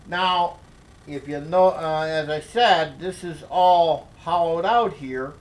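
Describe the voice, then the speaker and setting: Slow, halting older man in a workshop. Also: fairly high pitch, poor audio. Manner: slow, halting explanation with many fillers and restarts. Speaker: DIY workshop instructor. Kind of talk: hands-on workshop tutorial. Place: home workshop at a workbench.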